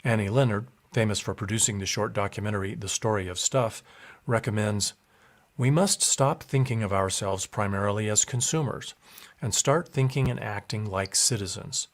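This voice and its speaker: A man delivering a prepared campaign speech in a measured, deliberate way. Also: fairly low pitch. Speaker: political candidate.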